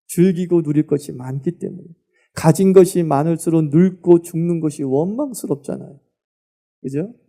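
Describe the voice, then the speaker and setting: A middle-aged man preaching a sermon as pastor, talking with the congregation through questions he answers himself, moving between loud emphatic lines and near-murmured asides. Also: fairly high pitch.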